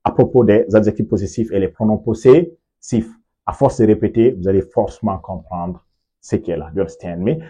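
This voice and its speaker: A man teaching an English lesson in French, drilling words with slow, deliberate repetition and frequent check-ins. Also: on the low side, mellow, husky, low-quality recording. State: sweaty, just came from the sports field. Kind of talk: video lesson, explaining in French with English examples.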